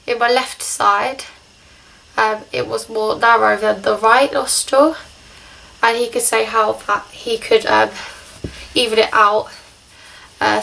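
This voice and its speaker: A woman's voice: fairly high pitch, creaky, bright, forceful tone, rough recording. A young woman talking hesitantly in a casual video diary, short of breath and congested just after nose surgery. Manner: hesitant, rambling.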